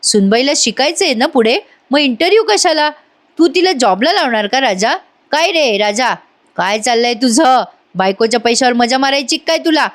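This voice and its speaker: A woman reading a gruff old patriarch. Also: high-pitched, expressive, moderate pace, pitched above the performer's own voice. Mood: stern. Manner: gruff, commanding. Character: strict elderly father-in-law, gruff.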